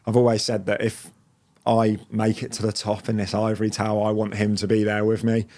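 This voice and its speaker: A lowish, brisk male voice belongs to a business owner in his late twenties appearing as a guest. He chats casually in an interview, relaxed and rambling, full of fillers and restarts.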